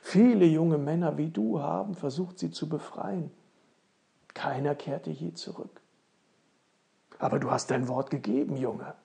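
A storyteller voicing an old fairy-tale king who speaks slowly and gravely, warning his son. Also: medium pitch, mellow.

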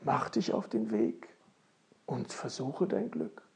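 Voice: mid-range voice, pitched below the performer's own voice. A storyteller voicing a grave old fairy-tale king. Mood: grave warning. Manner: slow, grave and warning.

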